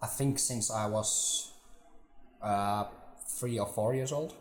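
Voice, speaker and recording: A Finnish man in his twenties with a Finnish accent, answering interview questions in a relaxed, hesitant way with many fillers. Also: fairly low pitch, slow pace, reverberant. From northern Finland. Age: 20s. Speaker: drummer, interview guest.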